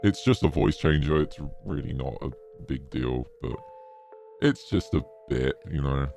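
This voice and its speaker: Possessed-sounding man, extremely deep demonic voice changer. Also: expressive, a little slow, vocal fry, darkish tone, slight background noise. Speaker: streamer. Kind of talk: casual livestream chat.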